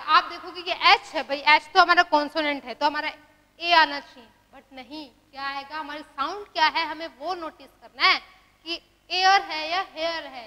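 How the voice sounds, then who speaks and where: Woman teacher, Indian accent, very high and bright voice, asks and answers her own questions, slow dictation, reverberant classroom sound. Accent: Indian English. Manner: asks questions and answers them herself, dictates examples slowly. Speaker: English grammar teacher. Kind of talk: classroom grammar lesson.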